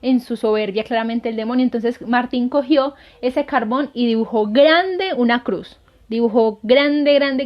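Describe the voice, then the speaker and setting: A woman missionary earnestly telling a saint's life to viewers, hesitating often with fillers. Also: fairly high pitch. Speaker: lay missionary. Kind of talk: devotional storytelling. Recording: dull lo-fi sound.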